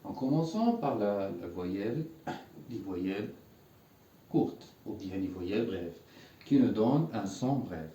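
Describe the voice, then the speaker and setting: A man's voice: on the low side, expressive, slow, dark tone, far from the mic. Patient male teacher in an echoey room. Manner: patient, repeats words and has learners repeat. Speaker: Arabic teacher. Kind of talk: classroom lesson at a whiteboard.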